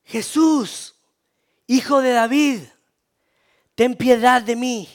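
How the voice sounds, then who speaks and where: A man voicing a desperate blind beggar who shouts and pleads for mercy. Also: extremely high pitch, takes it slowly, voice pushed up. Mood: pleading cry.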